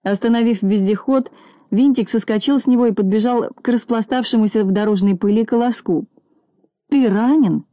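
A woman narrating a children's storybook in a lively, expressive reading style. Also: fairly high pitch, a little fast, no room sound.

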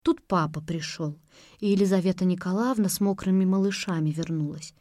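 A woman reading a children's storybook aloud with expressive narration. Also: fairly low pitch, a little fast, no echo, clean studio sound.

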